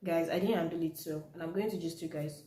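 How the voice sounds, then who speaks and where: Chatting with her viewers in storytelling mode, this young adult Nigerian vlogger, a native Yoruba speaker, talks fast in a low, mellow, steady voice. The recording has the echo of a reverberant room.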